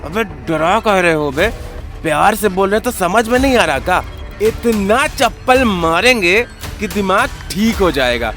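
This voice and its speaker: A man's voice: sits high, animated, fairly bright tone, soft background music. A man playing a cheeky young ghost. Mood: angry. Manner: rustic, teasing banter with quick jokes. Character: cheeky young male ghost, cocky and talkative. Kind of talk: audio story acting.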